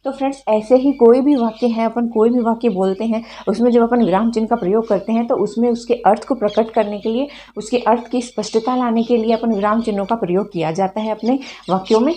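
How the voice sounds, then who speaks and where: A woman's voice: a little high, fairly even intonation, quick pace, hardly any pauses, mellow. A woman teaching a grammar lesson for exam preparation. She asks the viewers questions and answers them herself, repeating the key points.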